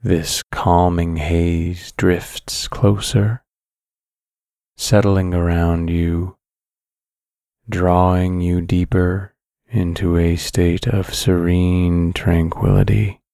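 Deep, very slow male sleep story narrator. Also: creaky, smooth, dry recording, clean studio sound. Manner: calm, soothing, measured delivery with long pauses.

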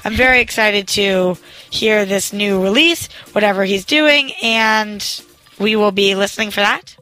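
A woman's voice: medium pitch, measured pace, pushed and bright, soft background music, low-quality recording. A young woman hosting a casual celebrity news chat, reading items aloud and joking at her own expense. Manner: reads news items aloud with quips, self-deprecating. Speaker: entertainment news host.

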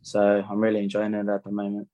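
A man's voice: lowish voice, monotone, fast, mellow. A young man with an Australian accent, a rugby player giving plain, understated answers in a casual interview. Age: young adult.

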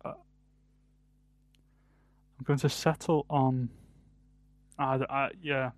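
Podcast co-host: British man, early 20s, th-fronting to f, halting casual delivery, dry recording. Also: medium pitch, flat delivery, no room sound. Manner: th-fronting, says th as f; hesitant, self-correcting. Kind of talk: casual album review chat.

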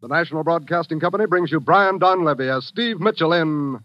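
A man's voice: a little high, fairly quick, no room sound. A man announcing and setting the scene for a 1940s radio drama in a theatrical, declamatory way. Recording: dull lo-fi old radio recording with music.

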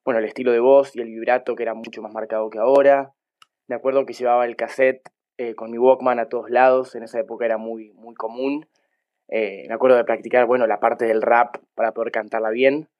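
A man leaving a voicemail message, heard over a landline phone line, talking through a rapid, even-toned recollection. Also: mid-range voice. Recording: muffled phone-line sound.

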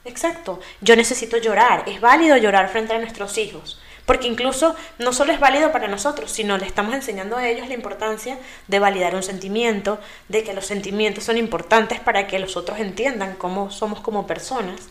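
A woman speaking as a mother, sharing parenting tips in relaxed conversational chat. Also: mid-range voice, brisk, few pauses. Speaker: guest giving parenting tips. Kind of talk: casual talk-show chat.

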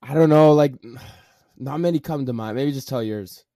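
A man's voice: medium pitch, moderate pace, warm tone, dry recording, studio quality. A man on a podcast in casual, slangy chat who swears freely. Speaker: podcast co-host.

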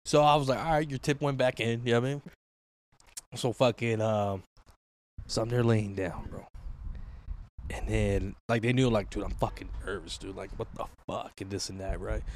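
A man co-hosting a podcast, telling a rambling, profanity-filled story in casual chat, saying bro and dude constantly and bursting into loud reactions. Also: mid-range voice, a little hiss or hum. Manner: animated, jumps into loud acted-out reactions. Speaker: podcast co-host.

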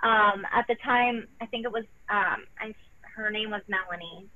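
A woman's voice: medium pitch, pushed and bright. A woman in her thirties speaks over a thin, phone-like line. Her speech halts and restarts often, and she sounds on the edge of tears. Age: 30s. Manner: halting, many restarts and fillers. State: tearful. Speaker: interview guest, former gymnast. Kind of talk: emotional personal interview.

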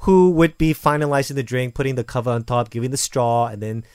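A man, hosting a radio breakfast show in a relaxed, chatty way with small restarts. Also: medium pitch, fast, clear, resonant tone, dry recording, clean studio sound. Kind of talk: casual radio chat.

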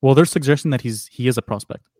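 A man co-hosts a casual sports podcast in a medium-pitched voice. He reads lists and rules in a flat, measured way. The sound is close and dry, with no room around it. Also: no echo. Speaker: podcast co-host.

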